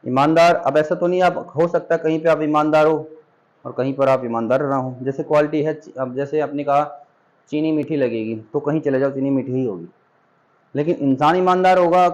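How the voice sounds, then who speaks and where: A man's voice: on the high side, a little mellow, rough recording. A man teaching a classroom grammar lesson, patiently asking questions, repeating points and checking that his students follow. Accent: Hindi.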